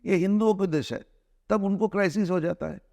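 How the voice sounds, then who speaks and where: A middle-aged man from India, a film director giving an interview, arguing his points earnestly with many restarts and drawn-out hesitations. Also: high voice, creaky, mellow, dry recording. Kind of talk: conversational interview, mixing Hindi and English.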